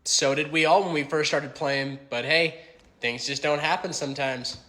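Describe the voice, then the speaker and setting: A man playing a calm, smug card game mentor explaining his moves in a comedy skit. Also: fairly high pitch, normal speed. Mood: smug, matter-of-fact.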